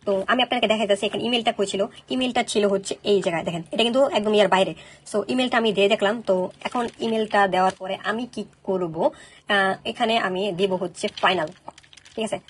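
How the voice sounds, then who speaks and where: A woman teaching a coding tutorial, talking fast and checking in with listeners after each step. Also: medium pitch, slight background noise. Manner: rapid, keeps checking in with "okay?". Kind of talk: screen-recorded coding tutorial.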